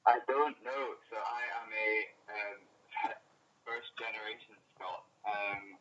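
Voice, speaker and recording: A young man from Fife with a Fife Scottish accent, chatting casually and haltingly as an interview guest. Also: lowish voice, fairly even intonation. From Fife, Scotland. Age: young adult. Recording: distant, noisy, phone-like narrow audio.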